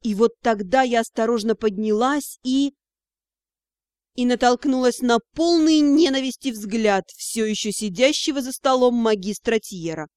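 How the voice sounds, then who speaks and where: High-voiced woman narrating an audiobook. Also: unhurried, no room sound, studio quality. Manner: expressive storytelling with acted dialogue. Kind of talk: scripted first-person narration.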